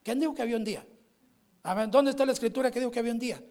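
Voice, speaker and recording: A man's voice: extremely high pitch, very fast, darkish tone. A male pastor preaching a fervent sermon, constantly calling out amen and addressing the brothers. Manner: fervent, sprinkles amén and hermanos constantly.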